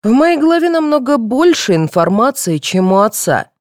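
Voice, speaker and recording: Lady doing a smart-mouthed teen boy, calm and cocky, animated pitch, dry. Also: normal speed, no room sound. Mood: smug. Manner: calm, reasoning, pert. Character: clever cheeky teenage boy.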